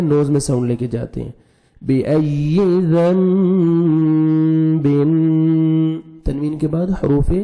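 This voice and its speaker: Gravelly, dark-voiced male Quran teacher. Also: fairly high pitch. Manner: chants verses slowly and melodically, then explains rules at a quick pace. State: slightly sore throat. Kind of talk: online tajweed lesson, reciting verses and explaining pronunciation.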